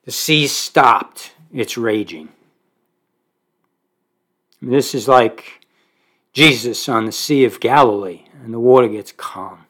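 A man's voice: medium pitch, slow, long pauses, fairly bright tone. A man preaching a sermon, reading verses aloud and then explaining them in plain conversational asides, rising in force on key points. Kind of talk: expository sermon on scripture.

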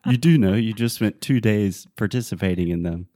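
Casting: male podcast co-host, deep relaxed voice, teacherly and conversational. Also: moderate pace, no echo, studio quality. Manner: explanatory, teacherly. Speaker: podcast co-host and English tutor. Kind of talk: casual podcast chat explaining English phrases.

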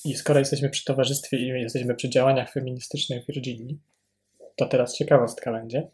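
A man's voice: medium pitch, little pitch movement, a little fast, a little mellow. A man in casual book discussion, speaking hesitantly and restarting words. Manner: hesitant, restarts words, reads passages aloud. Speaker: podcast co-host.

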